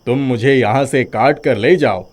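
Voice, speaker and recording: An actor voicing a kind male magic bamboo spirit in an animated storybook, speaking calmly and reassuringly. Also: medium pitch, unhurried, close to an everyday voice. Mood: calm, kindly.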